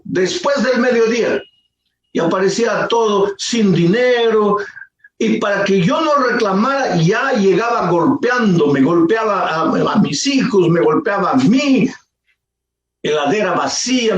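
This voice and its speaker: A man pastor telling a story in a sermon, dramatic, swinging between soft slow lines and raised pleading. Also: sits high, slight background noise. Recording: roomy echo with faint ambience.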